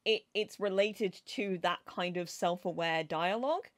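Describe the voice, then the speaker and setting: A woman's voice: lowish voice, unhurried. A woman co-hosting a film podcast, talking in long, rambling digressions that keep interrupting themselves. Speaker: podcast co-host. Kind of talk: casual film chat.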